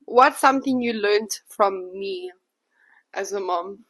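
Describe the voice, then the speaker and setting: A woman's voice: medium pitch, takes it slowly, fairly bright tone. A woman in her twenties hosting a podcast, interviewing her mother in a playful, teasing way. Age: 20s. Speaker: podcast host. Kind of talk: casual chat.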